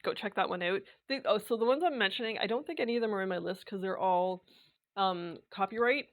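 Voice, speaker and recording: Chatty woman, voice a little worn. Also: medium pitch. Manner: chatty and rambling, with many fillers and quick laughs. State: slightly losing her voice from dry air. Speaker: sewing and knitting vlogger. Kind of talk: casual chat to camera.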